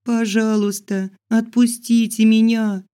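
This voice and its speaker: A man's voice: level tone, a little slow, clear, resonant tone, lightly acted. A man voicing a panicked young heroine. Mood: pleading. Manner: shrill panicked shouting and pleading. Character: frightened young woman heroine, bound and desperate. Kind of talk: audiobook character voice.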